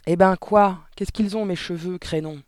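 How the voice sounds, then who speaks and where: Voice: medium pitch, steady tone, moderate pace, dry recording, voice pushed up, lightly acted. A reader voicing a blustering middle-aged father who bellows in outrage and panic in an audiobook. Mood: bellowing. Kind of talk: audiobook reading.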